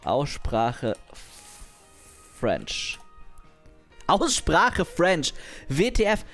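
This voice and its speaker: Young streamer dude rambling crude slang, voice jumps all over, soft music underneath. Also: male voice, fairly high pitch, huge pitch swings, extremely slow. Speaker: livestreamer. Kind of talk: casual livestream chat.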